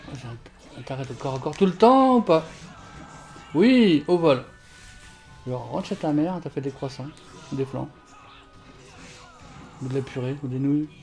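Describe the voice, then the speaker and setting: A man streaming a fighting game from home on a desk mic, swearing and shouting at the game while chatting with viewers. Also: fairly high pitch, lively intonation, moderate pace, pauses often, soft background music. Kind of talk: live gameplay commentary. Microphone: desk microphone.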